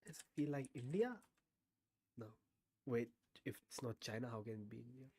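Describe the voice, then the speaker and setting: A man's voice: mid-range voice, normal speed, warm tone. A man streaming a guessing game, thinking aloud with frequent swearing and sudden bursts of disbelief. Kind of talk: casual game commentary.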